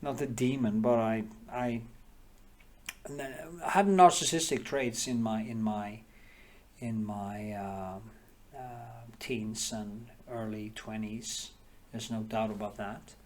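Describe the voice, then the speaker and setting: A man's voice: on the low side, fairly even intonation, slow pace, darkish tone. A middle-aged man with a Norwegian accent, a painter teaching oil painting, talking casually and candidly while he works, with many restarts and trailing phrases.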